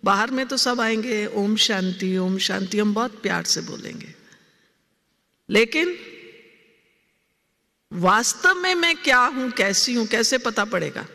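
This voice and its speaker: Slow bright-voiced woman giving a spiritual discourse. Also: a little high, lively intonation, creaky. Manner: asks the audience questions, then answers them. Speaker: spiritual teacher. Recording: hall with long reverb.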